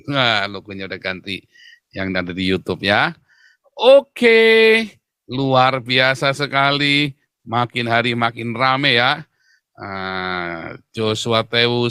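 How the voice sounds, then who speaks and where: A man on the low side, with a sharp tone, hosts a live stream as a pastor, casually joking and then confessing his past emotionally in a relaxed preaching chat. The recording is dry.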